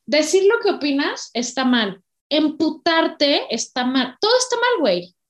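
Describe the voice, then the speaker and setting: A woman with a Mexican accent talks bluntly in a casual podcast chat, swearing freely and acting out apologetic voices. Her voice sits high. The room around her is echoey. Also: very animated, unhurried. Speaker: podcast co-host. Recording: roomy echo.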